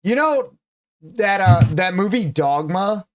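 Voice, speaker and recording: Lively profane teasing streamer. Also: male voice, high voice, takes it slowly. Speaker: livestream host. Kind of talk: casual stream chat.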